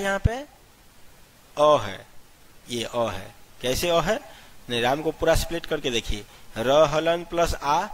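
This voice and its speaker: A man teaching a grammar lesson step by step, asking questions and answering them himself, and spelling out letters slowly one at a time. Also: medium pitch, a bit bright. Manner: explains step by step, asks and answers his own questions. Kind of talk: classroom-style grammar lesson.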